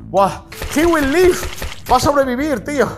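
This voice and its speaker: Excitable gamer, shouting and laughing. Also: male voice, very high voice, a little slow. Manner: loud bursts of shouting and laughter between mumbled asides. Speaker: gaming video host. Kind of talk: excitable gameplay commentary. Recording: music playing behind.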